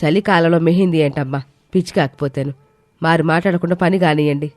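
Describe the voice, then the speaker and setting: A woman's voice: low voice, steady tone, a little fast, a little mellow, no room sound, faint music behind, lightly acted. A woman voicing a bossy older mother-in-law who gives orders and scolds in a cartoon story. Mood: commanding. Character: stern older mother-in-law running the house.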